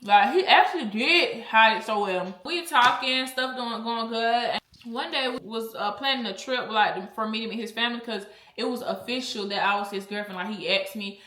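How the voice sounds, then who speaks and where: A woman's voice: fairly high pitch, moderate pace, fairly bright tone, roomy sound. A woman vlogger telling a storytime in a blunt, chatty way while eating, and she often drifts off topic. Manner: chatty, blunt, easily sidetracked.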